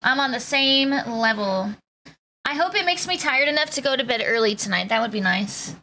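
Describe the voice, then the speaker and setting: A woman's voice: a little high, lively intonation, moderate pace, bright, forceful tone, a little hiss or hum. A woman streaming live, chatting casually and bubbly with her viewers, greeting each one.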